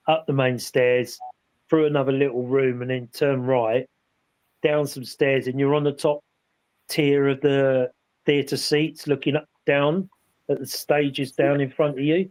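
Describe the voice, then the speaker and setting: A man's voice: mid-range voice, a little mellow, no room sound, poor audio. A man on a paranormal panel, rambling through an investigation story in casual chat with many restarts and asides.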